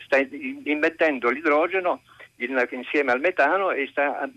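Earnest bright-voiced radio show caller, man. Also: a little high, dry recording, dull audio. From central Italy. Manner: earnest, long-winded explaining with frequent halting restarts. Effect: calling in by phone to a radio show. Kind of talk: phone-in question to a radio host. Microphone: phone.

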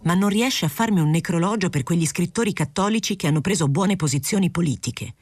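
A woman's voice: fairly low pitch, lively intonation, fairly quick, a little mellow, husky, no echo, clean studio sound, voice pushed up. A woman voicing a hesitant, confused male journalist. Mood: eager. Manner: apologetic, self-justifying.

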